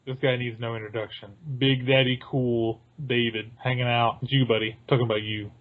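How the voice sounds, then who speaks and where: A man's voice: medium pitch, little pitch movement, a little fast. A man in his thirties, co-hosting a podcast in casual chat, rambling and laughing often. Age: 30s. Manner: chatty, rambling, frequent laughs. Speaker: podcast co-host. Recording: tinny phone-like sound.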